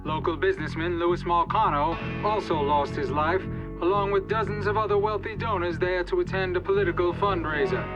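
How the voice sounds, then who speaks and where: An actor playing a news anchor in a game, reading a broadcast report. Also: male voice, sits high, fairly quick, dull audio, over music, natural voice. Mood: newsy. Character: male television news anchor, brisk.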